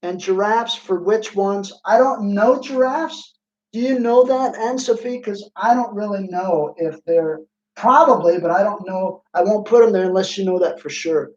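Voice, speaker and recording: A man's voice: high-pitched, normal speed. A male physics teacher giving an online class, chatty and playful, quizzing students by name. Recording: roomy, dull lo-fi sound.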